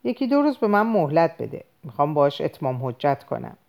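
A woman's voice: sits low, very animated, creaky, a little mellow, exaggerated voice. A woman voicing an aging, anxious, pious father who talks in a pleading, fearful way in an audiobook reading.

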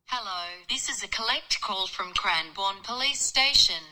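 Lady doing a bright payphone collect call recording, flat formal operator voice over the phone. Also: medium pitch, measured pace. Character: female automated prison collect-call operator. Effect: recorded collect-call announcement played over a phone. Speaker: podcast co-host.

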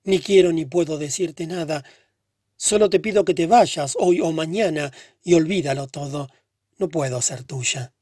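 A man reading the part of a pale, troubled young woman who speaks softly and sadly. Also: low voice, a little slow, husky, no echo, studio quality. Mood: weary. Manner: soft, subdued and hushed.

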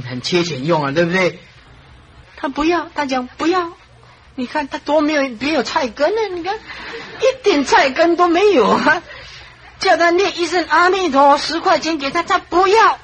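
A Buddhist monastic teacher giving a dharma talk, telling stories in an animated way, with frequent chuckles and repeated phrases. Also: sits high, moderate pace, a little hiss or hum, rough recording.

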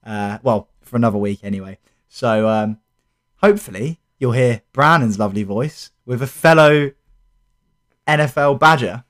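A young man speaks with a South London accent in an average-pitched voice. He chats casually as the co-host of a sports podcast. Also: normal speed, a bit bright.

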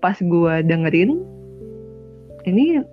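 A young woman with a Jakarta accent co-hosts a podcast, chatting casually and acting out her own thoughts. Her fairly low voice is very animated yet slow. The lo-fi recording sounds slightly dull, with faint music.

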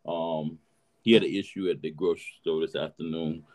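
A man's voice: a bass voice, fairly even intonation, fairly quick, darkish tone, rough recording. A man hosting a casual podcast, talking in a laid-back way and often saying "you know what I'm saying". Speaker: podcast host.

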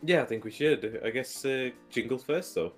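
A man's voice: mid-range voice, normal speed, loud music behind the voice. A man co-hosting a car podcast, laughing easily as he chats and reads the show intro. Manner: laughs easily, lively delivery. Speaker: podcast co-host. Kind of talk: casual chat and read show intro.

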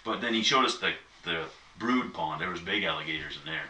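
A man's voice: low-pitched, lively intonation, fairly quick, pushed and bright. A man in casual chat, telling a long, easygoing story with many asides. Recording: echoey room, mic at a distance, faint noise.

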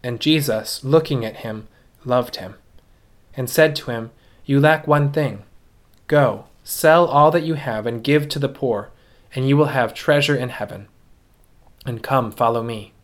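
A man's voice: mid-range voice, a little slow. A man, a priest, speaking steadily at a pulpit microphone, reading the gospel and preaching a homily in a church. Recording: long church reverb.

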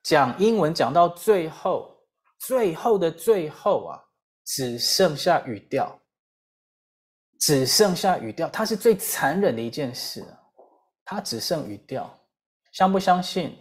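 Brief: Taiwanese-accented woman teacher, lowish pitch, animated lecture with drilled repetitions. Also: takes it slowly. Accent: Taiwanese Mandarin. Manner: animated, repeats drills and rhetorical questions, mixes in English phrases. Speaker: English teacher. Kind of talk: lively lecture.

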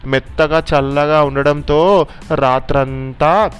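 A man's voice: a little high, fairly even intonation, slow, clear, resonant tone. A man voicing a timid, guilty frog in a spoken bedtime story, hesitant and meek.

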